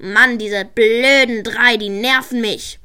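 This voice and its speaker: A woman's voice: sits high, fairly even intonation, takes it slowly, bright, forceful tone, clear, resonant tone, heavily acted. A girl voicing a smug little male blob creature pupil who gloats in a story game. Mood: annoyed. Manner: cocky, gloating.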